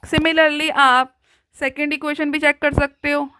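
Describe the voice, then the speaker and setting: A woman teaching a math lesson, slowly dictating each step of the working in a deliberate manner. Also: sits high, level tone, pushed and bright, low-quality recording.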